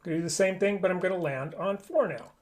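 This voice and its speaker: A man's voice: sits high, quick pace, background noise. A man teaching a live online flute lesson, explaining each step patiently.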